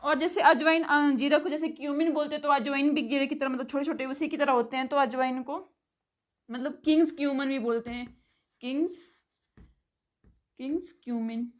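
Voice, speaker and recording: A woman giving a casual vocabulary lesson, repeating each word slowly, spelling it out letter by letter and checking in after each item. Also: sits high, steady tone. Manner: says "theek hai" after nearly every item. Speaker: spoken English teacher.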